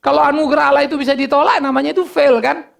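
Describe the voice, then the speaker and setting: A man's voice: very high voice, fairly even intonation, very fast, vocal fry. A man from Indonesia preaching a sermon as pastor, mixing casual asides and acted-out dialogue into his talk.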